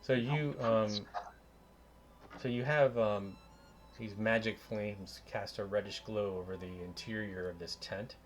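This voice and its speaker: Lowish voiced guy dming a tabletop game, halting casual narration, faint music in the back. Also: fairly even intonation. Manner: halting, searching for words. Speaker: game master.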